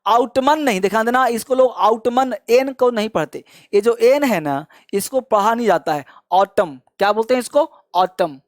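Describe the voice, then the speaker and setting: A man's voice: extremely high pitch, lively intonation, moderate pace, few pauses, no echo, clean studio sound. A man teaching spoken English, repeating each word over and over and urging listeners to say it back, with encouraging praise. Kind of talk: pronunciation drill lesson.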